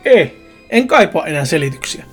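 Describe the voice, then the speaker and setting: A man's voice: on the high side, sing-song, husky, faint music behind. Man doing a sarcastic jealous rival. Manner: sarcastic, accusing.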